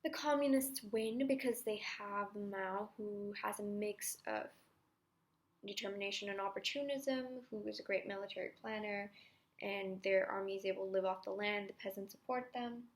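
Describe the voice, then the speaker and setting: At a moderate pace and mid-range pitch, a young woman explains her history revision notes in a relaxed study-video style. She chats easily, pokes fun at herself, and now and then drops to a whisper.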